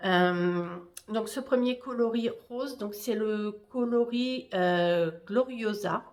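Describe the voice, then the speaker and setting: A woman hosts a casual knitting video chat at home. She speaks slowly and hesitantly, filling gaps with fillers and restarting her sentences. Her pitch sits in a middle range. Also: darkish tone. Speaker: knitting podcaster. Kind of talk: casual show-and-tell chat.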